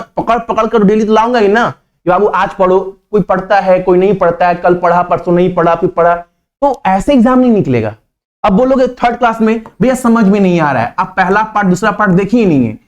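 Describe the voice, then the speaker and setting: A man teaching math on a video channel, talking to students in a casual, direct and coaxing way, repeating points for emphasis. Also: high-pitched. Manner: direct, coaxing, calls viewers "babu" and "bhaiya"; repetitive, emphatic phrasing. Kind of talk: casual YouTube coaching talk.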